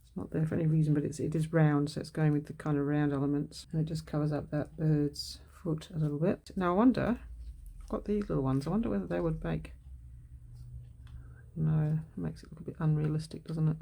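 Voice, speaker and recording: A woman's voice: sits low, fairly even intonation, a little fast, vocal fry, mellow. A woman talking casually as she works on a collage for her craft video, thinking aloud and changing her mind. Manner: muses aloud while working, self-correcting.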